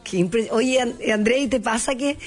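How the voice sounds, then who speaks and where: An interview host who asks long, winding questions and drops in quick, approving interjections. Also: mid-range voice, husky. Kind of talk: casual interview talk.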